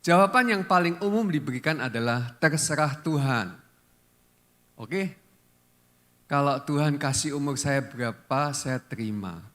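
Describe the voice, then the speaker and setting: A man's voice: medium pitch, lively intonation, normal speed, fairly bright tone. A male pastor preaching a conversational sermon to a church congregation, often putting questions to the listeners.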